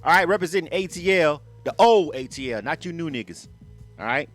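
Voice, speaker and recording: A man hosting a radio interview in a relaxed, slangy, laughing way. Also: on the high side, brisk, soft background music. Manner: laid-back, slangy, laughs a lot. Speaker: radio show host.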